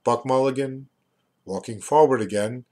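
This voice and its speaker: A man in his fifties, a poet and rare book seller, reads a literary novel aloud audiobook-style in a small furnished room at home. His mid-range voice is deliberate and expressive, with pauses between phrases, picked up by a webcam or computer mic at desk distance.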